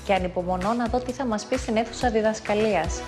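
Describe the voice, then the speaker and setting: A woman contestant speaking calmly in a confessional interview to camera. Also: medium pitch, music in the background.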